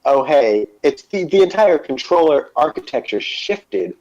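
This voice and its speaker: A man co-hosting a casual gaming podcast, talking haltingly with many fillers and restarts. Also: fairly high pitch, very animated, a little mellow. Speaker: podcast co-host. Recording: dull lo-fi podcast audio.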